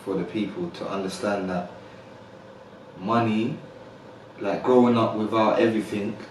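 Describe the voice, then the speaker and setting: Deep, flat-voiced male podcast host. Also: moderate pace, very echoey, distant mic, a little hiss or hum, poor audio. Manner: easygoing, frequent "like" and "yeah". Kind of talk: casual interview.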